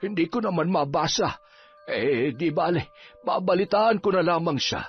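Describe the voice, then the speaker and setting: A man doing a gruff, husky village healer. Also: on the high side, animated, normal speed. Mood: teasing. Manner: gruff, nagging, comic. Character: grumbling, teasing middle-aged male village folk healer. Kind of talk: Filipino audio drama acting. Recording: dull lo-fi with faint music.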